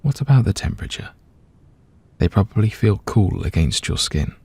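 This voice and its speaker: A man gently and calmly leading a scripted guided meditation, letting his voice soften at the ends of phrases. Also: lowish voice, normal speed, vocal fry, husky, no echo. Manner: gentle, calm, soothing, hushed at phrase ends.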